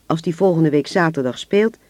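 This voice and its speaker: Guy playing a soft-spoken menacing dad, polite but scary, dry close mic. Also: a little high, moderate pace, no room sound, lightly acted. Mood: pleading. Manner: polite at first, then quiet and threatening. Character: calm, menacing middle-aged father, a hired thug.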